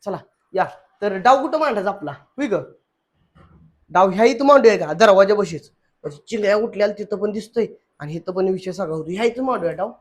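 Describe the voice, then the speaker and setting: A man's voice: high-pitched, lively intonation, a little fast. A young man, hosting a casual family vlog at home and bantering jokingly with his wife. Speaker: vlog host. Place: home room.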